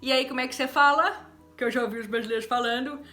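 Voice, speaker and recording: Cheerful Brazilian woman teaching, bright voice. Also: high-pitched, steady tone, soft background music. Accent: Brazilian Portuguese. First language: Portuguese. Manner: cheerful, laughs often, slow drilled English examples. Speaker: English teacher. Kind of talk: casual online lesson.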